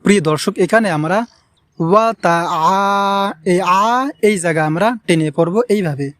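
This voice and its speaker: A man with a high voice speaks at a moderate pace, with no echo. He teaches an Arabic prayer as a Quran recitation teacher, taking it slowly, repeating words with patience and stretching out the long vowels so learners get them right.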